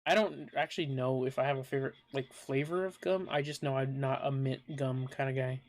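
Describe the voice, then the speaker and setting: A man's voice: medium pitch, brisk. A young man hosting a casual podcast chat with friends, rambling and joking with casual swearing. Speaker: podcast host.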